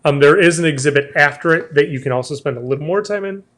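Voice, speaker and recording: Hiccuping throughout, a travel show host keeps up a casual, chatty conversation about travel and keeps restarting his sentences. His voice is on the high side and a bit bright, and he speaks at a quick pace.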